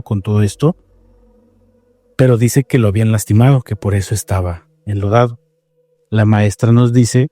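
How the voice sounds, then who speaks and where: A man with a Mexican accent telling paranormal stories in a casual podcast chat, animated and rambling with many restarts. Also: lowish voice, no echo.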